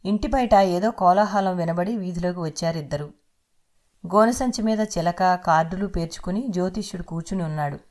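A woman narrating an audio novel in a steady, literary storytelling manner. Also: on the low side, normal speed.

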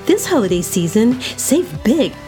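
A woman putting on a cheesy, over-enthusiastic holiday sale ad announcer voice in a sing-song sales pitch. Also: big pitch swings, a little slow, dark tone, soft background music. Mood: hyped.

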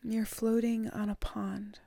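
A woman leads a guided meditation, drawing out each phrase very slowly and often sinking into a whisper. Her voice is mellow and a little gravelly, and she keeps it level with little rise and fall. The recording is close and dry. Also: a little high, flat delivery, no echo. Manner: slow, soft and soothing, often whispered.

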